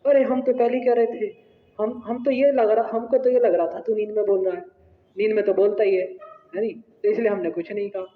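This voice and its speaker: A man's voice: high-pitched, fairly even intonation, a little fast, close to an everyday voice. A man voicing an easygoing young male friend who rambles out excuses, in a story told to a class. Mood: defensive. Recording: echoey hall, tinny phone-like sound.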